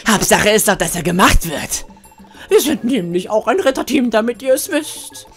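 A woman's voice: a little high, lively intonation, moderate pace, slightly rough, soft background music. A woman voicing a scheming monster gang leader from a video game, in a mock-evil, sneering, boastful manner. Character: scheming villain monster, gang leader plotting world domination.

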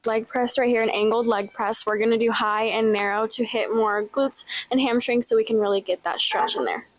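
A woman's voice: a little high, steady tone, fairly quick, slight background noise. A young woman talking casually for a workout vlog in a gym. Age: young adult. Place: indoors in a gym.

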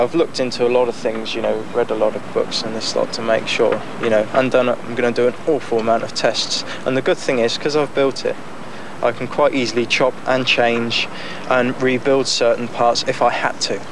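A young man speaking casually in an interview outdoors on a boat deck, relaxed and chatty, with frequent fillers and laughs. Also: medium pitch, moderate pace, vocal fry. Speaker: amateur boat builder. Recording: noisy outdoor 1990s news tape.

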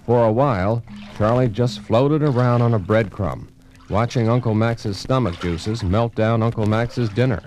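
A man's voice: mid-range voice, normal speed, a little mellow, soft background music. Man narrating a children's story.

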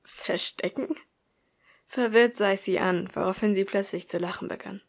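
A woman reading a first-person story aloud as an audiobook, in a soft, quiet storytelling manner. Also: medium pitch, a little fast, creaky. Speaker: audiobook reader.

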